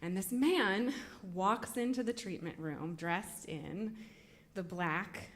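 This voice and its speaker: A woman telling a personal story to an audience, animated and full of "like", acting out her own thoughts. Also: medium pitch, slow pace. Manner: animated, filler-heavy "like", acts out her own inner thoughts.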